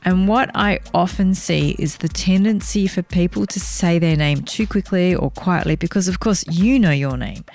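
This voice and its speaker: A woman hosting a podcast, giving speaking tips in a clear, measured, coaching tone. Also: on the low side, darkish tone, faint music behind. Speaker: podcast host.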